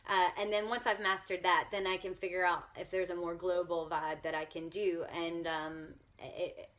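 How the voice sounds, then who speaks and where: A woman's voice: lowish voice, little pitch movement, normal speed, a bit bright. A woman guest blogger answering interview questions earnestly on a remote call, with many fillers and repeated words, growing tearful as she speaks. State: tearful, crying.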